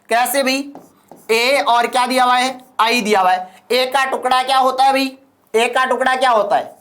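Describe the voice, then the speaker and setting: A man's voice: very high-pitched, fairly bright tone. A male teacher gives a classroom grammar lecture. He keeps asking his students questions and then answers them himself.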